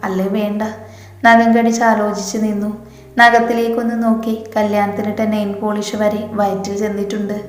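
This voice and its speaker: A woman's voice: medium pitch, flat delivery, moderate pace. Chatty woman storyteller in an echoey room. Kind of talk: first-person romance story reading. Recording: roomy recording with long reverb.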